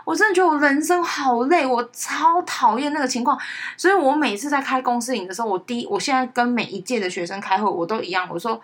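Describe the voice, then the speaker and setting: A woman's voice: a little high, fast. A young woman co-hosting a podcast in casual chat, talking emphatically and rising sharply when worked up. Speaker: podcast co-host.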